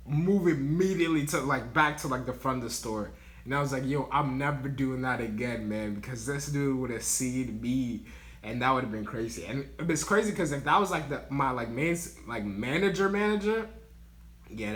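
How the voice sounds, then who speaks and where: Bright-voiced young guy telling a story. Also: medium pitch. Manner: laid-back slangy talk, lots of "like" and "yo", laughing as he tells it. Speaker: vlogger telling a work story. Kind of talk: casual storytime monologue. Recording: roomy echo.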